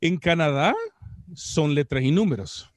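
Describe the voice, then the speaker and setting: A man hosting a podcast interview, joking and teasing his guest with quick banter. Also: fairly high pitch, no echo. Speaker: podcast host. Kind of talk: casual interview chat.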